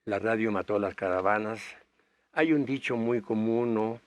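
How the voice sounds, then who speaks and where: Low-voiced older man telling anecdotes. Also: moderate pace. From Bolivia, raised touring South America. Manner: rambling anecdotal, with frequent fillers. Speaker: guest actor. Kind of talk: storytelling interview answers.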